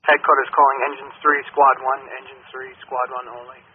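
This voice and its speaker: A man's voice: mid-range voice, flat delivery, fairly quick. A man working as a fire dispatcher, giving clipped, procedural firefighter radio dispatches. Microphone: two-way radio. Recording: tinny distant radio channel with static.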